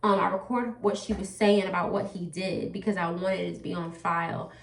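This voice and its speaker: A makeup vlogger with a lowish, fairly flat voice speaks a little fast with vocal fry. She rambles casually to "you guys," full of "like" and "you know," recorded off-mic in an echoey room.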